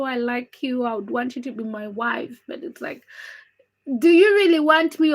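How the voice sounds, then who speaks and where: A young Ugandan woman, not a native English speaker, hosts a casual livestream, reading comments, chatting candidly and greeting viewers by name. Her voice is fairly high and husky, and the recording is rough.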